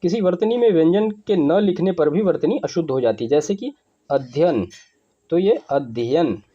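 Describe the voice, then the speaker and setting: A man's voice: fairly high pitch, animated, normal speed, warm tone. Man teaching spelling, lo-fi. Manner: explanatory, repeats each word wrong then right. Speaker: Hindi grammar teacher. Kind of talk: exam-prep lesson.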